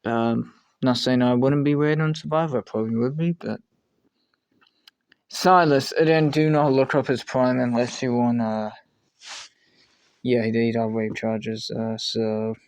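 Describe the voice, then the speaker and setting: A man's voice: mid-range voice, fairly even intonation, a little slow, long pauses, a little mellow, clear, resonant tone, no room sound. A man ranking show contestants in casual commentary. He rambles, swears casually, and often trails off and restarts his sentences. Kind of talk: casual commentary while making a tier list.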